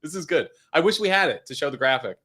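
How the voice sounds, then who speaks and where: Fast, lively male co-host. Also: on the high side, a loud crowd. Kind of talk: casual chat.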